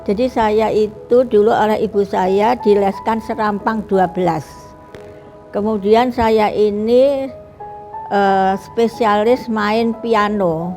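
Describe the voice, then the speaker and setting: An older woman speaks in a mellow, soft-edged voice, reminiscing at an unhurried pace and pausing often to find her words. Her tone is that of a retired doctor telling her own story, with faint music under her. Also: medium pitch. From Bali, Indonesia. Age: 70s. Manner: unhurried, reflective, with many pauses and restarts. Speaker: retired eye doctor and professor. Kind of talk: recorded interview, personal reminiscence.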